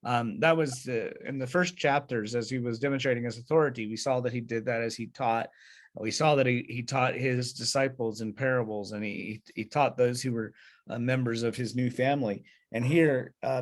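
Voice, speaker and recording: A man teaching a Bible study group over a video call, at a mid-range pitch. He explains patiently, full of "uh"s and restarts, and stops often to put questions to his listeners. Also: moderate pace.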